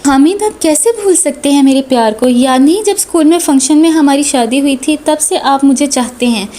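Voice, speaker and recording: A woman's voice: high voice, moderate pace, mellow, natural voice. A woman reading a novel aloud, voicing a dramatic young woman pleading tearfully.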